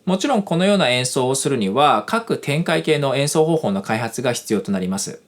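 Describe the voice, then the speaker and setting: A man's voice: mid-range voice, big pitch swings, moderate pace. A man hosting a guitar lesson, explaining politely in a scripted way with casual fillers. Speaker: jazz guitar teacher. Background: guitar music.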